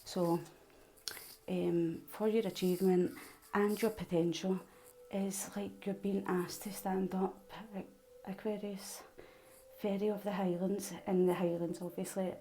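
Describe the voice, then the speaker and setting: A woman's voice: mid-range voice, flat delivery, measured pace, mellow, low-quality recording. A Scottish woman with a Glasgow accent, giving a casual, rambling tarot reading straight to the viewer. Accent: Glaswegian Scottish. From Glasgow, Scotland. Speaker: tarot reader.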